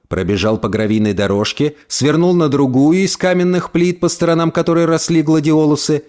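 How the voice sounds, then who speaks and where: A man reading a first-person story aloud in an expressive narration. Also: mid-range voice. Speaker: audiobook reader.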